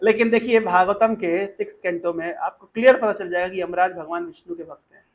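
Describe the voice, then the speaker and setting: A man giving a devotional talk who explains scripture, asks the audience questions, chants slowly and reads translations. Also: high-pitched. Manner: explanatory, asks the audience questions and leads call-and-response recitation. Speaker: preacher.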